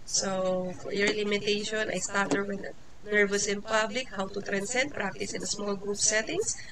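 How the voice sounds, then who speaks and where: A Filipino teacher in her forties, a native Tagalog speaker, gives an informal lecture in English, full of fillers, restarts and little laughs. Her voice is medium-pitched and steady at a normal speed, captured roughly with a crowd audible behind her.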